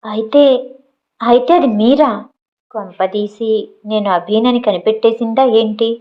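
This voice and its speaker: A woman's voice: on the high side, measured pace, highs cut off, lightly acted. A woman voicing a hot-tempered but loving young man in an audio storybook, speaking insistently. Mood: startled.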